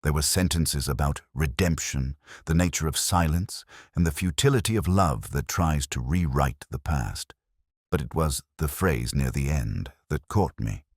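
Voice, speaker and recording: In a measured, melancholy and reflective way, a man reads a scripted first-person literary detective story. His voice rumbles low, and the studio-quality recording has no echo.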